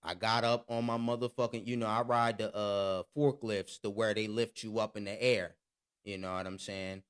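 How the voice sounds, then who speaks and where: A man's voice: on the low side, normal speed, clean tone. Laughing man telling a story. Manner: animated storytelling, laughs while talking. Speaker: podcast co-host. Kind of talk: casual chat.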